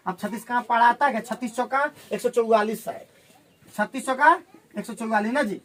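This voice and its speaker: A man teaching a maths class, firing questions at his students and working sums out loud. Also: very high-pitched. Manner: drills students with rapid questions while calculating aloud. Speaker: maths tutor.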